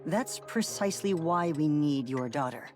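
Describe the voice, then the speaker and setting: An actor playing a composed, formal corporate representative whose voice comes through a robotic voice changer, speaking in a measured, persuasive way in a video game. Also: male voice, fairly high pitch, animated, a little mellow, soft background music. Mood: measured, earnest.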